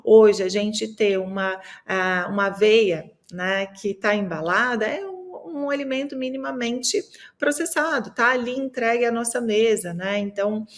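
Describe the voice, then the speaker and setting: A woman's voice: medium pitch, unhurried, few pauses. Brazilian woman explaining nutrition casually. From Minas Gerais, Brazil. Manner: explanatory, many fillers and tag questions. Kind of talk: casual podcast conversation.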